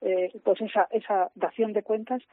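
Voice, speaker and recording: Woman reporter on a tinny phone line, low hurried voice, fillers and restarts, dry sound. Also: fairly even intonation, no echo. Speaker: field reporter. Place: city hall during a press conference.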